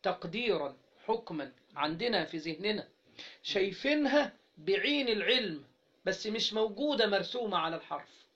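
A man with an Egyptian Arabic accent teaching Arabic grammar in an interactive lesson, prompting students to finish his sentences and drawing out example words slowly. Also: sits high, animated, fairly bright tone. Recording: dull lo-fi recording.

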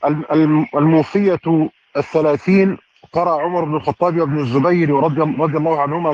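A man reads a classical commentary aloud to his teacher at a quick clip. His fluent, formal reading gives careful vowel endings, and his voice sits a little high. The recording is dull and lo-fi. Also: slight background noise.

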